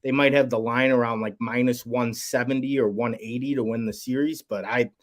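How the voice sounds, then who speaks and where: Male co-host, mid-pitched, hesitant rambling chat. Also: fairly even intonation, a little fast. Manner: rambling, hesitant, many fillers. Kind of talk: casual sports betting chat.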